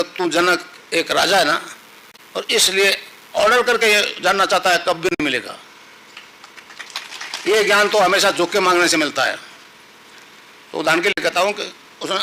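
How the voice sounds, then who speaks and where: A spiritual teacher giving a devotional discourse to a live audience, telling stories and teaching a mantra in an instructive way. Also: male voice, high voice, bright, forceful tone, low-quality recording. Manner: storytelling, instructive, chants mantras.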